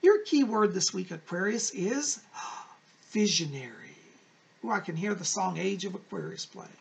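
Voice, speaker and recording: A man's voice: high-pitched, animated, brisk, gravelly, a little hiss or hum. A man reading weekly horoscopes like a fortune teller, effusive, encouraging and emphatic, speaking straight to his viewers.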